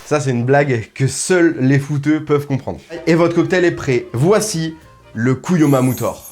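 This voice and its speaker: A man's voice: mid-range voice, normal speed, darkish tone, faint music behind. A man hosting a comedic cocktail tutorial, talking straight to the viewer in crude, ironic, mock-serious patter. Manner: addresses viewer directly. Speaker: host.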